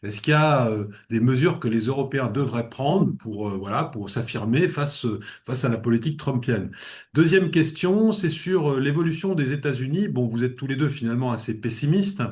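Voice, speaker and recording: Brief: French male moderator, mid pitch, hesitant reading of chat questions. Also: animated, normal speed, a little mellow. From France. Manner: hesitant, many fillers while reading questions.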